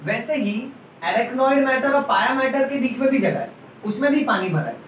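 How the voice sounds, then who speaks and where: A man's voice: very high voice, fairly bright tone, a little hiss or hum. Echoey classroom-style male biology teacher. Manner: playful, joking, repeats key terms slowly. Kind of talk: classroom lecture to students. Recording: echoey room, mic at a distance.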